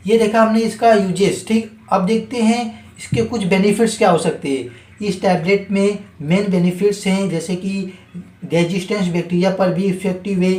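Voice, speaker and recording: A man's voice: high-pitched, darkish tone, reverberant, low-quality recording. A man teaching pharmacy in a casual spoken lesson, often stumbling over words and correcting himself. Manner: halting, frequent self-corrections and filler checks.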